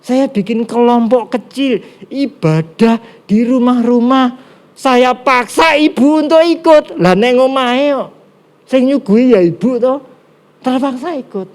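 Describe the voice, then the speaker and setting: A middle-aged man with a Javanese accent preaching a sermon, lively, with quiet asides. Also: very high-pitched, unhurried. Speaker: pastor. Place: church service streamed online.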